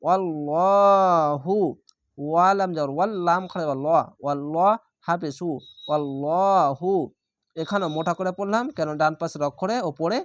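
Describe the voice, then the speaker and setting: A man teaching Quran reading, spelling each word letter by letter and vowel by vowel, then reciting the whole word in a slow, drawn-out way. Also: fairly high pitch, dry recording.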